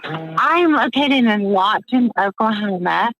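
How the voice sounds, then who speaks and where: A woman's voice: mid-range voice, lively intonation, slow, fairly bright tone, no room sound, soft background music. An older woman from Houston, Texas, calling in over the phone and asking her question in a hesitant, apologetic way with many restarts. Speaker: caller. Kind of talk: call-in question to a psychic. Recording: muffled phone line.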